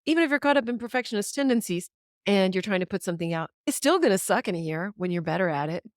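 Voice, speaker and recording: A woman's voice: mid-range voice, expressive, fast, no room sound, studio quality. A middle-aged woman chatting candidly as a podcast guest, rambling and swearing freely, often laughing. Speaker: podcast guest, musician and writer. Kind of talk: casual conversation.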